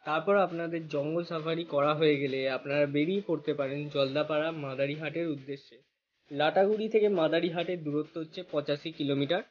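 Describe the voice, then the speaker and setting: A man's voice: a little high, fairly even intonation, a little fast, muffled recording. A man narrating a scripted travel guide for his channel, greeting viewers as friends and walking through routes and costs.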